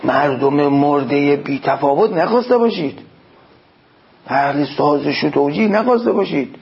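A man's voice: on the high side, expressive, gravelly, slightly rough, highs cut off. A man preaching a sermon, quoting Arabic phrases and explaining them in an exhorting tone. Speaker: cleric.

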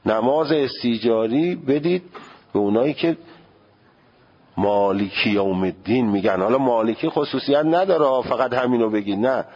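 A man's voice: medium pitch, husky, highs cut off. A male seminary teacher giving a jurisprudence lecture, questioning his students and sounding out pronunciations as he goes.

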